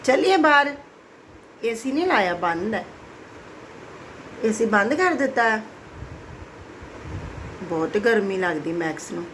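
A woman's voice: medium pitch, expressive, measured pace, pauses often, a bit bright, slight background noise. A woman casually vlogging at home, talking to her pet in a doting, coaxing sing-song way.

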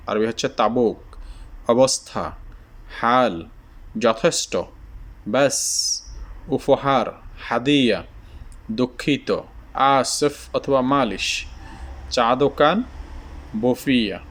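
A man from Bangladesh teaching vocabulary, saying each word slowly and repeating it, and often checking in with his viewers. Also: medium pitch. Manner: checks in with the viewer, "ঠিক আছে?". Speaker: language teacher. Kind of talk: vocabulary lesson.

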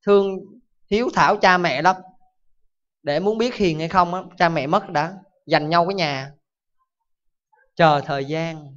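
A Buddhist monk giving a dharma talk, full of animated stories and rhetorical questions to his listeners. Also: high voice. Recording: dull lo-fi recording.

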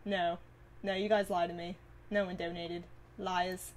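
A woman's voice: lowish voice, level tone, measured pace, slight background noise. A woman streamer chatting casually with viewers, reading and answering comments in a bubbly way, swearing freely and laughing often.

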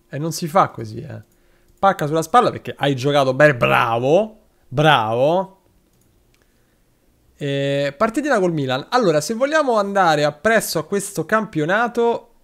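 A man's voice: a little high, a bit bright. Chatty man streaming a game. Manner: chatty, exclamatory, talks to his players and thanks viewers. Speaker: streamer playing a football manager game. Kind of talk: live gameplay commentary with chat shout-outs.

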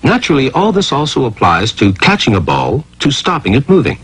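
A husky-voiced man narrates an educational cartoon from a script, leaning into theatrical emphasis and tossing out rhetorical questions. His pitch swoops wildly between phrases, his pace is brisk, and his tone is a bit bright.

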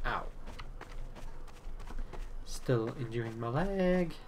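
Stuffed up and nasal from a cold, this man hosts a gaming channel, making self-mocking jokes and chatting as he reacts out loud while he plays. His mid-range voice has lively intonation and drawn-out words, over background game audio and keyboard clatter.

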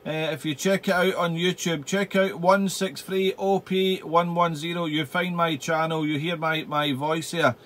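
A man's voice: a little high, steady tone, moderate pace, hardly any pauses, a bit bright. A man making casual amateur radio contact from a home radio room, repeating phrases and using radio call-sign jargon. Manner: repeats himself, spells out in phonetic alphabet. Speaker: amateur radio operator, channel host.

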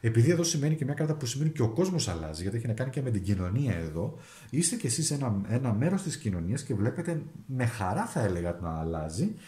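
A man's voice: mid-range voice, big pitch swings, warm tone, roomy sound. A man with a Greek accent giving a monthly tarot and zodiac forecast, thinking aloud as he draws and reads the cards. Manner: thinks aloud while drawing and reading cards, with restarts. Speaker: tarot reader.

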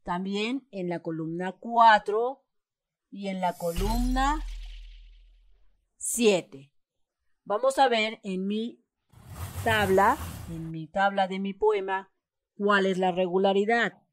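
A woman's voice: medium pitch, takes it slowly, pauses often. A woman with a Mexican Spanish accent explains a schoolbook exercise step by step, patiently stressing syllables as she reads example words. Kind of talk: step-by-step homework lesson.

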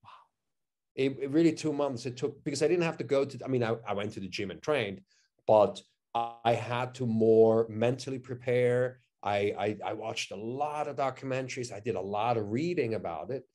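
A male actor from Switzerland who grew up speaking German appears as a guest in a laid-back video-call interview, using a webcam in his living room indoors. His mid-range voice is a little mellow and moves at normal speed, while his enthusiasm shows in repeated words and many "you know"s and "I mean"s.

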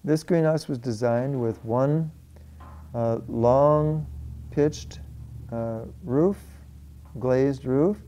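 Older man, organic farmer, documentary interview, mellow voice, measured explanations. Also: medium pitch. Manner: measured, explanatory, pauses to find words.

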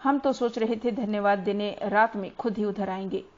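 A woman's voice: medium pitch, normal speed, close to an everyday voice. A woman voicing a cheerful, coaxing middle-aged male doctor. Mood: jovial. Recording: dull lo-fi recording.

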